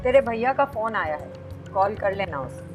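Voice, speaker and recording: A woman's voice: medium pitch, lively intonation, normal speed, natural voice. An actress playing a proud young woman who speaks firmly and defiantly. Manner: firm, defiant. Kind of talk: TV serial acting. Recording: background music score.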